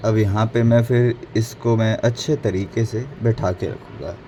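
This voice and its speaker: A man's voice: fairly low pitch, fairly even intonation, normal speed. A man narrating a casual painting tutorial, mixing Hindi and English and correcting his own slips as he goes. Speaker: painting instructor. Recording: faint background noise.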